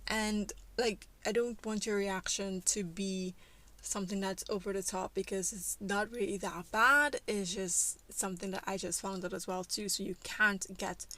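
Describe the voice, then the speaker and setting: A woman doing a nervous young man in a life-sim story, halting and pleading, at a middling pitch, asking his fiancee not to get angry. The voice stays close to the storyteller's own. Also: fairly even intonation, bright, forceful tone, lightly acted. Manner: hesitant, pleading.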